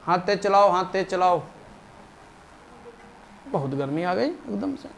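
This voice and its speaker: A man's voice: high-pitched, very animated, measured pace, gravelly, slight background noise. A man teaching a math class, repeating key points emphatically and coaxing students along. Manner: emphatic and repetitive, drilling students; coaxing, calls students "beta". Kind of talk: classroom lecture.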